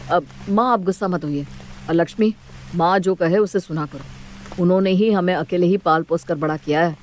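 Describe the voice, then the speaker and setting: A woman voicing a calm, conciliatory grown son and husband in a cartoon story. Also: on the low side, moderate pace, a little hiss or hum, natural voice. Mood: soothing.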